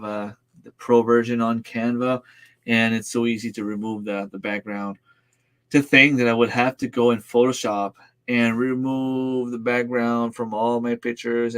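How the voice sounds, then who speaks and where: A man in his thirties from Northern New Brunswick, Canada, hosts a farm channel and chats casually with viewers on his livestream, answering their comments. He is a native French speaker with a French Canadian accent and a medium-pitched, clean voice. His manner is easygoing and hesitant, full of fillers and restarts.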